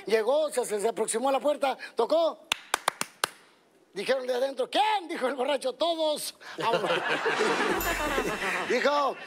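A woman with a Mexican accent telling dirty jokes, laughing often and acting out the characters in shrill voices. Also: expressive, unhurried, creaky, long pauses. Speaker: joke teller. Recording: faint background noise.

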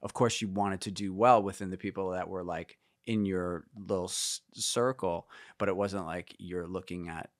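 A man's voice: low-pitched, fairly even intonation, normal speed, hardly any pauses, no echo, clean studio sound. A man in his fifties talking as a guest musician in a casual interview, reflective and meandering, with many fillers and restarts.

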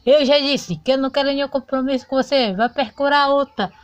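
A woman's voice: sits high, a little fast, no room sound, highs cut off, pitched above the performer's own voice, close to an everyday voice. A woman voicing Griselda, a proud single mother who raised her children alone, in a homemade doll soap opera. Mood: firm. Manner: stubborn, insistent. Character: hardworking single mother, abandoned by husband, proud. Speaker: doll novela character.

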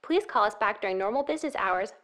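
A woman's voice: medium pitch, lively intonation, fast talker, heavy background noise, lightly acted. Sketch comedy: woman as automated phone-line lady, bland customer service voice, scripted politeness over rude lines. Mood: blandly polite.

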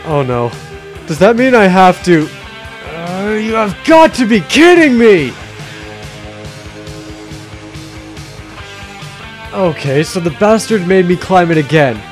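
A man's voice: high voice, expressive, measured pace, soft background music. A man voicing a boastful, sarcastic, short-tempered adventurer in a parody game dub, with theatrical exasperation. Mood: exasperated.

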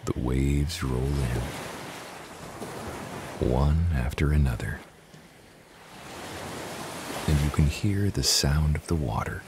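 Very deep, slow, gravelly sleep-story man. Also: noisy background. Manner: soft, hushed and soothing, at times whispering. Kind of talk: guided sleep meditation narration. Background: new-age music and ocean waves.

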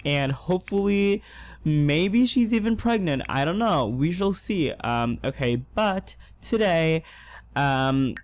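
A young man with a fairly high voice gives casual gameplay commentary as a let's play host. He sounds hoarse, as if he is losing his voice, and he talks in a chatty, excitable way, gushing with slang. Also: slow, no echo.

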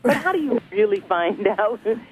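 Sounding animated and a little fast at a medium pitch, a female talk show host effusively welcomes her guest to a broadcast interview and asks questions. The line is phone-like and lo-fi, with faint noise underneath.

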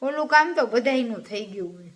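A woman's voice: a little high, animated, fairly quick, fairly bright tone. A woman from Gujarat, telling cheeky jokes in a chatty, teasing monologue and talking straight to viewers. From Gujarat, India. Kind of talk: casual joke-telling monologue.

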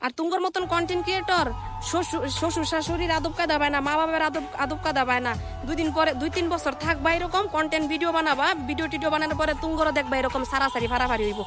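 High-voiced Bangladeshi woman, mocking rant. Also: steady tone, rapid-fire, music in the background. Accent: Bangladeshi colloquial Bengali. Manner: mocking, scolding, sarcastic. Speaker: content creator. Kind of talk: ranting reaction video.

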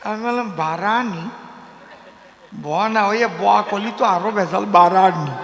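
A male folk poet with a rural East Bengali accent, cracking jokes and quizzing the crowd from a stage. His voice sits high and gravelly with a bright, forceful edge. It rings through a big echoey hall with a long reverb. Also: unhurried. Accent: East Bengali rural dialect. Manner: joking, storytelling, asks the audience questions. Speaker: folk poet and kabigaan singer. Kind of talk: humorous stage banter with audience.

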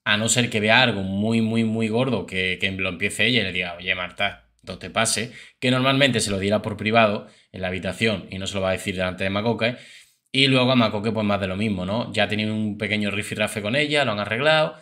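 Spanish guy from chatting his opinions over tv clips, bright lowish voice. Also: quick pace. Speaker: host. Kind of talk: casual commentary on reality TV clips.

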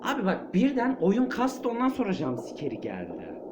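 A man's voice: high voice, huge pitch swings, normal speed, background noise. A man commentating a horror game as he plays, jumpy and panicky, muttering to himself and yelping. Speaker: gamer playing a horror game. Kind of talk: let's-play commentary. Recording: muffled lo-fi with loud game ambience.

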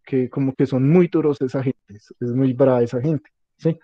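At a moderate pace, a male teacher with a steady, mid-range voice leads an informal class, making jokes, repeating points, and repeatedly checking whether students are following. The recording is dull and free of echo.

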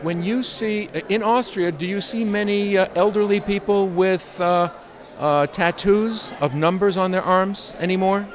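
Guy asking questions at a busy event, high-ish voice, lots of uhs, crowd chatter behind. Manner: halting, repeats words, many fillers. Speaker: interviewer. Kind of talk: event interview.

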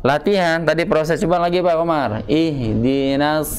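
A man's voice: medium pitch, a little slow, a little mellow, slight background noise. A man teaching Quran recitation at a home study circle, patiently drilling letter sounds syllable by syllable. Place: home gathering room.

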